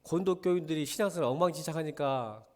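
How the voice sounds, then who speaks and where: A middle-aged male pastor preaching a blunt sermon, firing rhetorical questions at his congregation and swinging from quiet talk to shouting. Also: fairly high pitch, fast.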